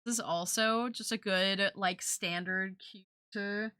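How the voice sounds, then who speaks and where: A woman livestreamer talking slowly in a bright voice with a dry, close sound. She rambles casually, thinking aloud as she goes. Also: mid-range voice, fairly even intonation, clean tone, no room sound. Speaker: art livestreamer. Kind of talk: casual, rambling livestream chat while drawing.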